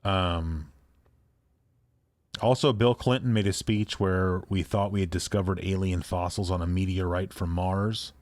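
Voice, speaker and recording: A man's voice: low-pitched, a little slow, dry recording. A man co-hosting a podcast, chatting casually and rambling a little as he reads listener mail. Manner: relaxed, rambling, reads listener emails aloud. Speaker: podcast co-host. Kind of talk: casual chat.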